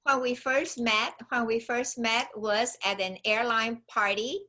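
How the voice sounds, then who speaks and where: Bright, higher-voiced female co-host. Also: fairly even intonation, measured pace. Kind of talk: casual interview.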